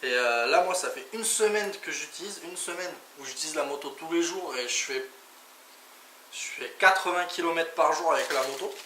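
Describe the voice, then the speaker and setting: Pushed and bright, a man's fairly high voice moves at a moderate pace. He is a motorcycle vlogger presenting gear through an informal hands-on tutorial, narrating each step with little interjections, captured on a distant mic in an echoey space with clear background noise.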